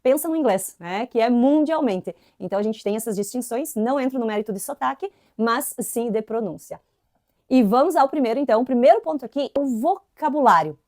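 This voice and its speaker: Speaking fairly quickly in a voice on the high side, this young southern Brazilian teacher, whose accent comes from inland Santa Catarina, gives a chatty English lesson. She adds lively emphasis and tacks "né" onto lines often; the studio-quality recording is dry.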